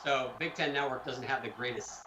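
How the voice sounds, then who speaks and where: A middle-aged man trades lively jokes while commentating gymnastics. His voice rings in a roomy, echoing space. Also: mid-range voice, brisk, noisy background. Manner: animated, joking banter. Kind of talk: live sports commentary. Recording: echoey room.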